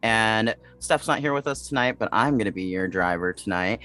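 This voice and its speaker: A man's voice: fairly low pitch, animated, normal speed, bright, forceful tone. A man co-hosting a casual podcast, rambling with lots of fillers and restarts. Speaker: podcast co-host. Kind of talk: casual chat.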